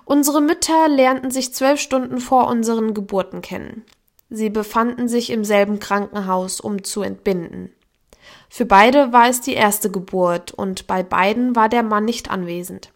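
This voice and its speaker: A woman reading a first-person audiobook in a calm, even storytelling manner. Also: on the high side, normal speed. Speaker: audiobook narrator.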